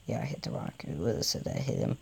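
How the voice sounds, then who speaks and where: A young man giving rambling, easily excited, jokey commentary over his own tank game session, recorded on a home mic. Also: rumbling low, fairly quick, creaky, slightly rough. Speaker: gaming channel host.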